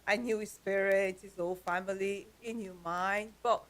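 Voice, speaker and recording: A woman with a Nigerian accent, telling her life story as an interview guest in a lively, laughing way. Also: mid-range voice, normal speed. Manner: animated storyteller, laughs often. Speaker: guest, company founder.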